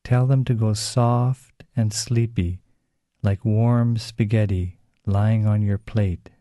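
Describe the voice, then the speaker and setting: A man gently leading children through a slow, soothing guided relaxation exercise. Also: fairly low pitch, fairly even intonation, no echo, studio quality.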